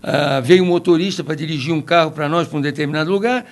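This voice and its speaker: A Brazilian man with a notably high voice holds forth on a podcast panel. He is opinionated and digressive, and he winds through anecdotes to make his argument. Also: fast. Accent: Brazilian Portuguese. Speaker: podcast commentator.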